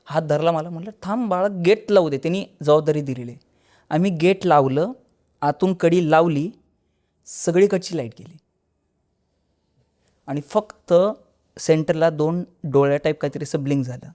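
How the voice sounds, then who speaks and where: Man telling a horror story, slightly high voice. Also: moderate pace, long pauses, darkish tone. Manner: vivid, acts out dialogue; conversational, with restarts. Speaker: podcast guest. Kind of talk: first-person horror storytelling.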